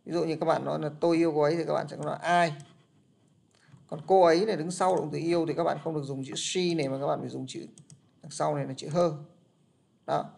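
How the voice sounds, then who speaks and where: A man's voice: a little high, steady tone, fast, vocal fry, darkish tone. A man teaching an English class, explaining patiently and repeating his points.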